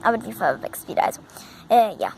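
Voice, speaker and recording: A woman's voice: medium pitch, animated, fast talker, creaky, darkish tone, slight background noise. A woman giving a casual, rambling and hesitant video introduction. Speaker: video creator.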